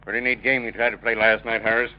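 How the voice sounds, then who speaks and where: An actor playing a hard-nosed, blunt police officer in a vintage radio crime drama, brusque, clipped and accusing. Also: male voice, mid-range voice, flat delivery, fast, close to an everyday voice. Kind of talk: 1930s-1940s radio crime drama acting. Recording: dull vintage radio recording.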